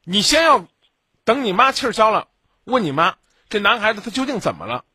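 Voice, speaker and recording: A man's voice: high-pitched, big pitch swings, brisk, sharp tone, breathy edge, no echo, studio quality. A man hosting a late-night radio advice show, bluntly lecturing and scolding a caller. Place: radio studio.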